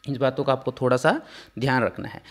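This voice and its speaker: A man's voice: mid-range voice, fairly even intonation, a little fast, fairly bright tone. A man teaching a phonetics lesson, explaining patiently step by step.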